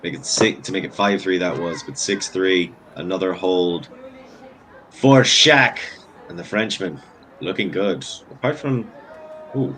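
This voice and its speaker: Low-voiced man commentating ultimate. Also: unhurried, fairly bright tone, low-quality recording. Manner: chatty, analytical, self-deprecating asides. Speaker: sports commentator. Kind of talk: live play-by-play commentary.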